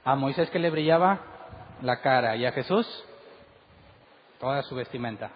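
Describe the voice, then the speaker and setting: A man's voice: mid-range voice, animated, moderate pace, slight background noise. A man preaching a sermon as pastor, asking the congregation one rhetorical question after another. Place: church hall. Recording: dull recording with long hall reverb.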